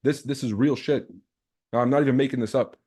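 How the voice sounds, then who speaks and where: A Lebanese man, a native speaker of Arabic and French, hosts a trading livestream with a mid-range, steady, darkish voice at a fast clip. He chats casually with live viewers, slangy and boastful, peppering his talk with swearing.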